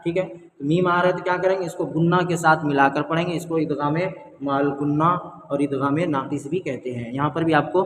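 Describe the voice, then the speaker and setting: A man teaching the rules of Quran reading, explaining step by step, asking and answering his own questions, and chanting the verses slowly. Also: a little high, steady tone, reverberant, in a large hall, a little hiss or hum.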